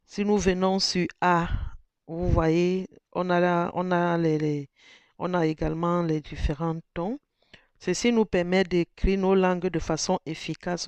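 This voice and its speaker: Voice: mid-range voice, a little mellow, clear, resonant tone, no room sound. A presenter talking through a phone tutorial step by step, thinking aloud with many restarts and sounding out vowel tones.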